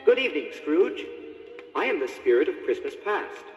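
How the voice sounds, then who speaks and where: A man's voice: on the high side, big pitch swings, normal speed, echoey room, long reverb tail, faint music behind, voice pushed up, poor audio. A man voicing a stern ghostly spirit that gives curt commands in a storybook record.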